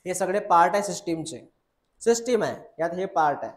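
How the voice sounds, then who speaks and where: A man's voice: sits high, animated, brisk, echoey room. A male biology teacher lectures a class, drilling students with repeated questions and calling them "beta".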